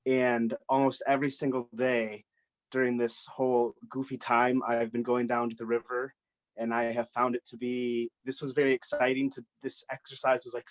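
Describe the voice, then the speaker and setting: A man sharing a personal reflection on a workshop video call, halting and searching for words. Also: medium pitch, no room sound. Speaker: workshop participant.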